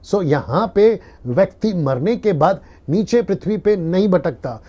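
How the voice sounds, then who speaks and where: A man's voice: high voice, expressive, measured pace, dark tone. A man preaching a live-streamed sermon as pastor, teaching earnestly and repeating key lines.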